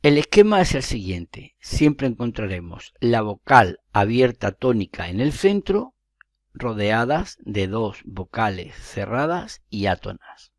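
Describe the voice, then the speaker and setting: A man's voice: lowish voice, big pitch swings, slow pace, no room sound, clean studio sound. A man teaching a grammar lesson, explaining step by step, correcting himself and checking in with his listeners.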